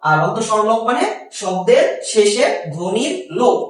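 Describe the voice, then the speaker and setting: Bangladeshi guy teaching grammar, slow and repetitive, super echoey room, sounds far off the mic. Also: high-pitched, lively intonation. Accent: Bangladeshi Bengali. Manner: slow and explanatory, repeats each example. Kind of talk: grammar lesson.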